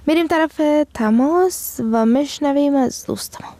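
A woman's voice: high-pitched, mellow, no echo. A woman co-hosting a radio phone-in, brief and courteous. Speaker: radio co-host.

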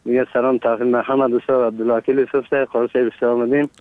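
A man's voice: mid-range voice, flat delivery, no echo. A man calling in to a radio show, aggrieved and full of polite blessings, heard over a tinny phone line. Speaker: caller. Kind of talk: phone-in call.

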